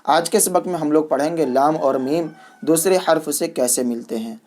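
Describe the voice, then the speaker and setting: A man teaching reading, opening with formal religious greetings and then slowly spelling words out letter by letter, with the letter names said louder. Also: fairly high pitch. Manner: opens with formal Islamic greetings.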